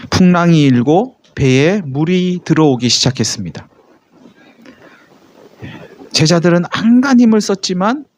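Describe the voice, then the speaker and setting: A man's voice: a little high, darkish tone, no room sound. A man, a pastor, preaching a sermon in a conversational way, with many rhetorical questions to the congregation.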